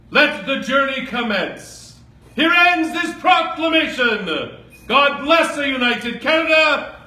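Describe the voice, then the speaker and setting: A man declaiming a proclamation as a town crier, formal and ceremonial, projecting each phrase deliberately. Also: very high-pitched, sharp tone. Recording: echoey, picked up from a distance.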